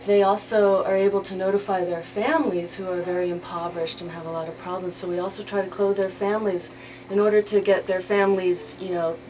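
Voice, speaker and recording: On a noticeably noisy radio interview recording, a charity organizer appears as a guest and speaks in a conversational manner. She has a medium pitch, keeps a steady tone, and talks fairly quickly.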